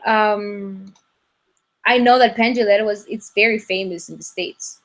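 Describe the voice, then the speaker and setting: A young woman from Ecuador, speaking in a halting way with many restarts and fillers during a casual video-call interview. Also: mid-range voice. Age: young adult. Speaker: guest singer.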